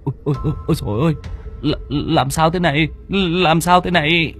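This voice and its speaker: A man's voice: a little high, steady tone, normal speed, a bit bright, soft background music, voice pushed up, natural voice. A man voicing a panicky middle-aged male homeowner in an audio story, whimpering and stammering. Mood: wailing.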